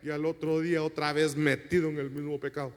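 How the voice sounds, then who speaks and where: A pastor delivering an emphatic sermon, addressing the congregation directly and asking them rhetorical questions. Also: male voice, fairly high pitch, little pitch movement, quick pace. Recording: long reverb of a church hall.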